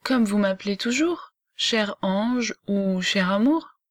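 A woman's voice: mid-range voice, animated, slow pace. A woman reading the part of a sulky, spoiled young girl in an audiobook, with a whiny, petulant way of talking.

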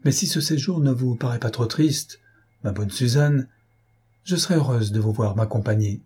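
A man's voice: medium pitch, moderate pace, darkish tone, breathy edge. A man reading aloud and voicing a grave young woman who speaks with firm, solemn resolve. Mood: resolute.

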